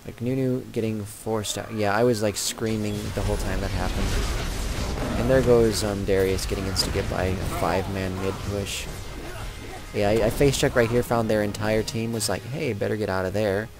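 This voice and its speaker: A young man's lowish voice, with fairly even intonation and a moderate pace, carries casual commentary over his own video game match. He is chatty and rambling, often correcting himself, against game music and sound effects.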